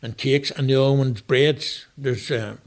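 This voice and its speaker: A man's voice: medium pitch, steady tone, measured pace. A man in his sixties with a Northern Irish accent, a retired chef chatting as a guest and telling rambling, anecdotal stories. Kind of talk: casual interview chat.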